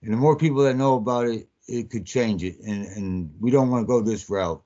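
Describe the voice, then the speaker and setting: A man calling in to a podcast, talking in a halting, rambling way with many fillers, over a phone line that keeps cutting out. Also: on the low side, mellow. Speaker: podcast guest on a phone call. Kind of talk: casual rambling account.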